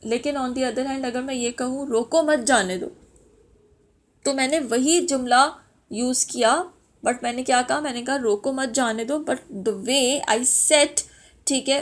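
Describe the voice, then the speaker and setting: Woman, somewhat high voice, sales trainer, code-switching, hesitant fillers. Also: unhurried. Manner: mixes English phrases into Urdu-Hindi, frequent fillers. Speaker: sales and customer service trainer. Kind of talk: instructional talk.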